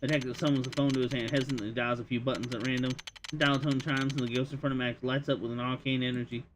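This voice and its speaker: A man's voice: medium pitch, level tone, fast talker, noisy background. A man streaming a story game, reading its text aloud and reacting in a casual, joking way with free swearing. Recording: music playing behind voice.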